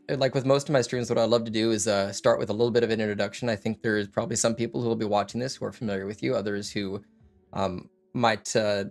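The host, a man in his thirties, has a fairly low, creaky voice with a darkish tone. He chats loosely through a casual video-call interview from home, full of fillers and restarts, in a room with a couch and lit wall panels.

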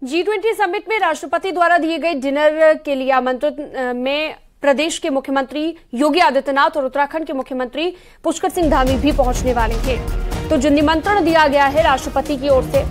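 A young woman anchoring a TV news bulletin in a studio, reading briskly and formally. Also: high-pitched. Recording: broadcast bed music underneath.

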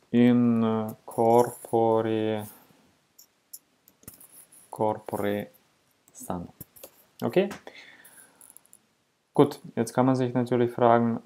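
Male tutor, unhurried, warm dark tone, patient explainer who checks in with the listener. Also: mid-range voice, gravelly. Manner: slow, patient, with frequent "ja?" checks and fillers. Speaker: Latin teacher. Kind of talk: explanatory lesson.

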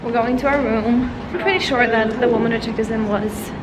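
A woman's voice: fairly high pitch, fairly even intonation, a little fast, background noise. A young woman in her twenties, filming a casual travel vlog on her phone in a hotel room, joking and breaking into song. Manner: playful, jokey, breaks into song. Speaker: vlogger. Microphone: phone at arm's length.

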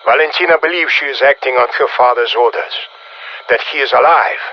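A man voicing a stern, menacing Soviet colonel in a video game, with a Russian accent, a gruff voice and a commanding, threatening manner over a radio filter. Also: mid-range voice, fairly quick, lo-fi sound. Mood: grim, scornful. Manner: authoritative, threatening, clipped orders.

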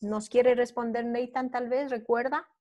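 A woman's voice: fairly high pitch, steady tone, measured pace, warm tone. A middle-aged woman teacher, patiently explaining a review lesson step by step and checking in with her students. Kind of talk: online class review.

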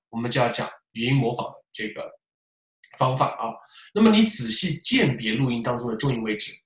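A man lecturing as a test-prep teacher, lively and full of rhetorical questions as he demonstrates examples aloud. His voice sits in a middle pitch. The recording carries a roomy echo. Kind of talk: classroom-style lecture.

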